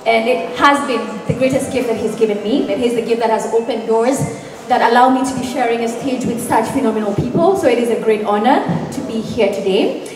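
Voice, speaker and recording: A woman from Kenya with a Kenyan accent, moderating and giving a formal, measured closing summary at a forum. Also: a little high, darkish tone. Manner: measured, formal, occasional self-corrections. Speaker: program manager and moderator. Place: large conference hall. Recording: very echoey hall, distant mic.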